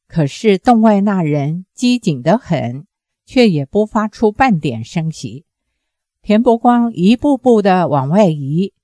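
A woman narrating a martial-arts novel as an audiobook, with even, measured storytelling. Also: mid-range voice, dry recording, clean studio sound. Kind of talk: novel reading, steady narration.

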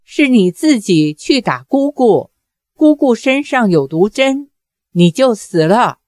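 A woman's voice: on the high side, very animated, takes it slowly, darkish tone, no room sound, clean studio sound. A woman reading a storybook aloud and voicing a frightened, simple-minded young woman in a raised, pleading voice.

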